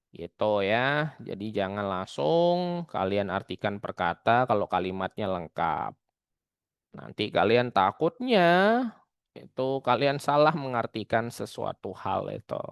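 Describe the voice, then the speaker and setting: Young male exam tutor, chatty and explanatory, smooth clear tone, dry close sound. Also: lowish voice, no room sound. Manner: chatty and explanatory, often tagging lines with "gitu" and "ya". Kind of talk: casual online exam-prep lesson.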